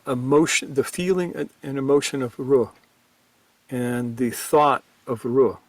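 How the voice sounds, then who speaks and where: A man with a gravelly, creaky edge to his mid-pitched voice talks through spiritual ideas in a measured, emphatic way. The sound is close and dry, with no room around it. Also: no room sound. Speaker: podcast co-host teaching on Gurdjieff. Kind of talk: reflective spiritual discussion.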